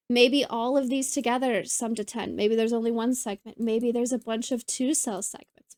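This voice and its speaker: A woman's voice: a little high, darkish tone, no echo. A woman hosting a puzzle video, thinking aloud as she solves, musing and hesitant with frequent ums and maybes, a little out of breath.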